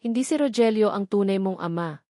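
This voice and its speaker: Confiding older neighbor woman, read by a woman narrator, hushed and dry. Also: medium pitch, brisk, no room sound, close to an everyday voice.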